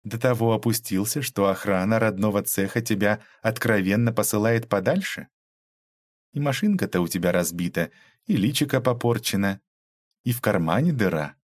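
A man's voice: lowish voice, expressive, normal speed, dry recording, clean studio sound. A man reading an audiobook aloud, voicing a tough, ironic young woman detective who mocks and lectures. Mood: mocking. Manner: mocking, cold, lecturing.

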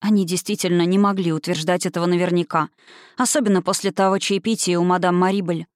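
Woman audiobook reader, measured and even, dry, close studio sound. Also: fairly low pitch, no room sound. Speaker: audiobook narrator. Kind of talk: scripted narration.

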